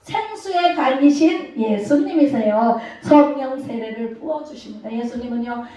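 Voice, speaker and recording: A high-pitched woman preacher delivering a lively sermon, tossing questions to her congregation and acting out loud cries. Her voice booms around a very echoey church hall and sits well back from the microphone. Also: measured pace, recorded from a distance. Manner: lively, calls out questions to the congregation, acts out shouting. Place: church sanctuary.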